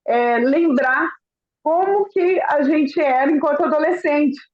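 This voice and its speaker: A woman's voice: high voice, a little slow, highs cut off. A woman with a Brazilian Portuguese accent, a school coordinator talking earnestly to parents on a live stream about respecting their teens.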